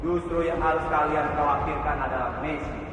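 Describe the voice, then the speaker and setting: A man playing an imperious dark lord, a supreme king of darkness, in a commanding, ominous fantasy drama delivery. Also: a little high, fairly even intonation, fairly quick, very noisy, lightly acted. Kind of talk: fantasy television drama acting. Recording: very echoey cavernous reverb, distant, music behind.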